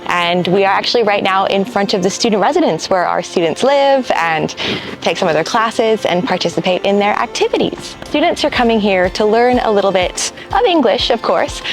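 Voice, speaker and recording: A woman from a language school giving an upbeat, polished pitch for its summer camp outdoors on a campus. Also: rough recording. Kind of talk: promotional talk to camera. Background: faint music.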